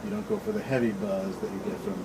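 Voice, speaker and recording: Blunt middle-aged man over clear hum. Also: fairly low pitch, quick pace. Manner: blunt, profane, opinionated. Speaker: show host. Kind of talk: casual banter. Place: shed. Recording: clear steady air-conditioner noise.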